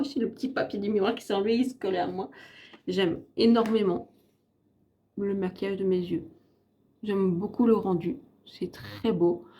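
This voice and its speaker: A woman's voice: mid-range voice, a little mellow. A French woman vlogging a casual makeup and perfume review, chatty and rambling, often correcting herself. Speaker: beauty vlogger.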